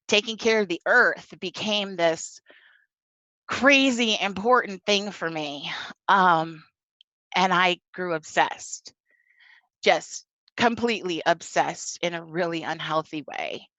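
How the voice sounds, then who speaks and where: A woman in her 30s to 40s, around forty, reads aloud a prepared personal testimony in a conversational style that's candid, wry and emphatic. Her mid-range voice has a fairly bright tone, with no echo but dull audio.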